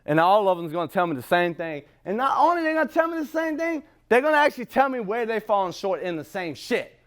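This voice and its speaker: High-voiced man sharing raw and profane. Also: big pitch swings, quick pace, clear, resonant tone. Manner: profane, emphatic, laughs between points; rambling with restarts and repetition. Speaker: speaker sharing at a recovery meeting. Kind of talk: raw unscripted personal share.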